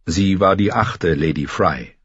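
A man's voice: low-pitched, a little slow, fairly bright tone, slightly rough, no room sound, muffled recording. A man narrating an audiobook expressively, voicing every character himself. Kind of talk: scripted narration.

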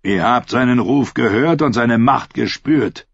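A man voicing a cunning, commanding pirate king in an audiobook, speaking slow and low. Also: no room sound, highs cut off.

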